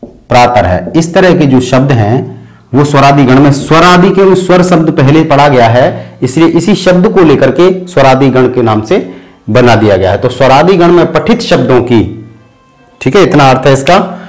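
A man at a middle pitch teaches a grammar lesson patiently. He stops often to check that the class is following. He slows down and softens his voice to recite each rule. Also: animated, soft background music, poor audio. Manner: patient, breaks terms into parts, many fillers and "thik hai"; chants sutras slowly and softly. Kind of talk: explanatory lesson.

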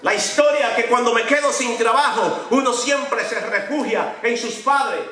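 A middle-aged pastor, preaching an animated sermon in a church. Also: male voice, very high-pitched, unhurried, a little hiss or hum. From Dominican Republic. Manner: animated preaching, acts out conversations with changing voices. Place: large church sanctuary. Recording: echoey church hall, voice from far off.

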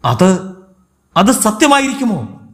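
A man voicing a loyal, fatherly older male caretaker who speaks gently in an audiobook. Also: high voice, sing-song, takes it slowly, exaggerated voice. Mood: shaken.

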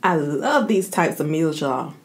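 A woman chats casually as a mukbang host, savoring her food and talking between bites with drawn-out mms. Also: low-pitched, animated, a little hiss or hum. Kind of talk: casual eating chat. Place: indoor home setup with plain backdrop.

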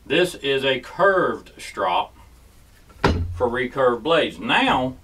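A man's voice: mid-range voice, very animated, very slow, sharp tone, husky, recorded from a distance, poor audio. A man hosting a casual how-to demonstration, folksy and often checking in with "okay?". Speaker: host. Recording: voice set back from the mic.

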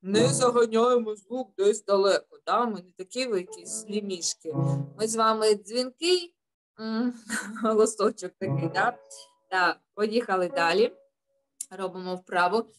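A woman's voice: medium pitch, a little slow, soft background music. A woman vocal teacher leading a children's singing lesson, patient and encouraging, using diminutives and checking in with a questioning "right?".

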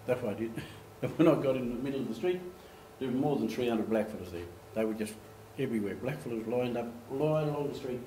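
Standing at a lectern, an older man tells stories for a slide presentation, barely pausing as he talks fast in an average-pitched voice. He's animated, using gestures and acting out quoted voices. The far camera picks up an echoey meeting room, faint ambience, and slight background noise.

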